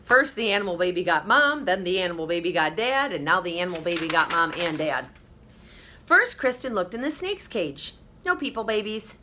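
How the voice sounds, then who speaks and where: A female teacher reads a picture book aloud to children in a medium-pitched voice, expressive and encouraging, and she pauses to speak to them directly.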